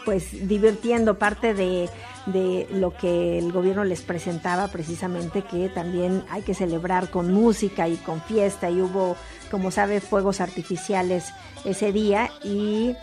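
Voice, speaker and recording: A woman hosts a call-in radio show in a friendly, conversational manner. Faint music plays underneath. Her pitch sits in the middle for a woman. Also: fairly even intonation, a little slow, warm tone. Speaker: radio host.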